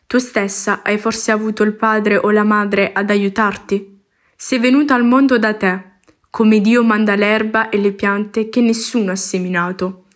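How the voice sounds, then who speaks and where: A woman with a mid-range voice reads a novel passage aloud. Her delivery is measured and reflective. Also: mid-range voice, fairly even intonation. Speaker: reader.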